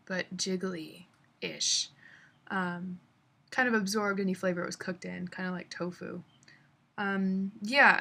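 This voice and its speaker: Young woman telling travel stories in a vlog; bright tone, easy filler-heavy chat. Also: medium pitch, gravelly. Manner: chatty, lots of fillers. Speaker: vlogger. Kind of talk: casual travel vlog storytelling.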